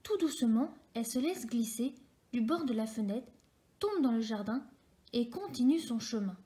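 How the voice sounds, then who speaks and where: High-voiced woman reading a children's tale. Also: moderate pace. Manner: lively, expressive read-aloud. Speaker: storyteller.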